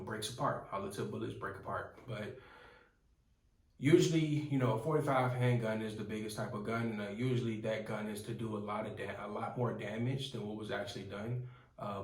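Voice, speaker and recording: A man in his twenties giving an earnest, rambling personal testimony with frequent restarts. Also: on the low side. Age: 20s. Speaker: testimony speaker. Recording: roomy, from some distance.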